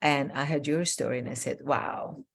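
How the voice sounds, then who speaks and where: Low gravelly woman originally from Iran. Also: fairly even intonation, moderate pace. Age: older. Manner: warm, effusive, rambling with many fillers. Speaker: host, transformational coach. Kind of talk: casual interview chat.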